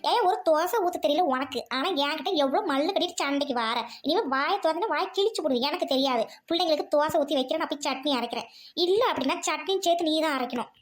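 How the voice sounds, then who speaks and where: A woman voicing a fed-up cartoon housewife who fights back, with fast, sharp scolding. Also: sits high, animated. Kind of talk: cartoon voice acting.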